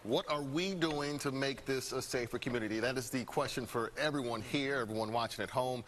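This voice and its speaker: An American man works as a news anchor, presenting a report and chatting at the desk. His voice sits at an average pitch. There is a faint bed of background noise. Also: fairly quick, fairly bright tone.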